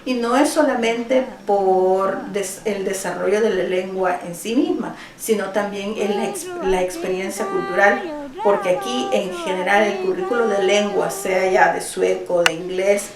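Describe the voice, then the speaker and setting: A woman's voice: mid-range voice, steady tone, unhurried, crowd noise. A woman from El Salvador, a teacher, answering interview questions at home, earnest and thoughtful with small restarts. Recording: roomy, mic at a distance.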